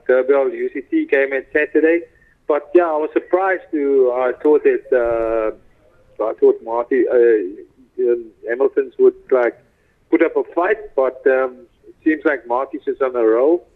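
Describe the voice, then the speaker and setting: A man's voice: medium pitch, a little slow. A man, a rugby coach chatting casually in an interview over the phone. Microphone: telephone. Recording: tinny phone line.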